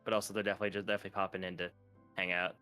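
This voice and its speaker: Deep smooth man on a call. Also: level tone, rapid-fire, faint music behind. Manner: quiet, enthusiastic, stumbling repeats. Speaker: guest on a voice call. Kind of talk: casual stream chat.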